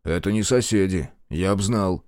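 A man voicing a gruff male partisan chief who grumbles and talks plainly. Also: deep voice, moderate pace, darkish tone, no echo, studio quality, natural voice. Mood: grumbling.

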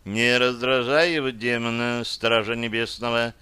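A man voicing a cool-headed dark mage who speaks in a measured, matter-of-fact way in an audiobook. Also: medium pitch, little pitch movement, clear, resonant tone, no echo, lightly acted. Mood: grave. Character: calm dark magister, grave and secretive man.

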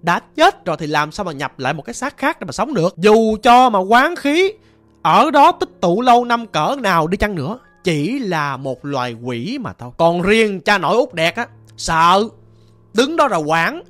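A storyteller with a Southern Vietnamese accent narrating a ghost story in a lively, chatty way, slowing to chant incantations. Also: mid-range voice.

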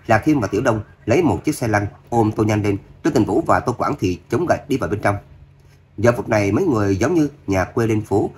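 A man narrating a novel in a rapid, even reading. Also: lowish voice, a little hiss or hum. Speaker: audiobook narrator. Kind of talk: scripted narration.

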